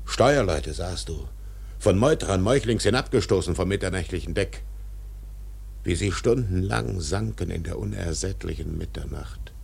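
An actor in a radio drama playing an obsessed, tyrannical older whaling captain, declaiming grandly in a gravelly, husky voice. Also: male voice, deep voice, expressive, normal speed, darkish tone, exaggerated voice. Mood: brooding, solemn. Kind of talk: literary radio drama acting.

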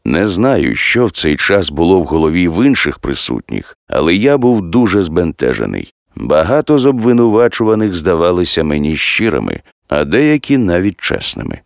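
Deep gravelly male narrator. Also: normal speed, no room sound, clean studio sound. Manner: expressive storytelling. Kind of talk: audiobook narration.

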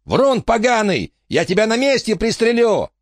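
A shrill, panicky young bandit. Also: male voice, sing-song, moderate pace, no room sound, clean studio sound, full character voice. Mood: furious. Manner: hysterical yelling.

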